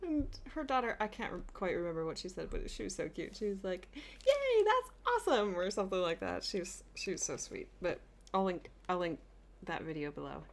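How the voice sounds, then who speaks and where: A woman's voice: fairly low pitch, lively intonation, a little fast, vocal fry. A woman hosting a craft vlog, chatting eagerly and gushing as she shows a haul, often restarting her sentences. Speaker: flosstube host. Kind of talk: casual chat showing a haul.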